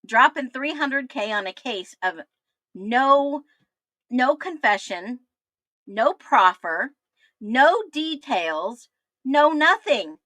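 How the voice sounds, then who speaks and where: A woman's voice: sits high, animated, slow, pushed and bright, no echo. A woman in her fifties giving emphatic, chatty true-crime commentary on a livestream, repeating her points. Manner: emphatic, repetitive, chatty asides. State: thirsty, getting over the flu.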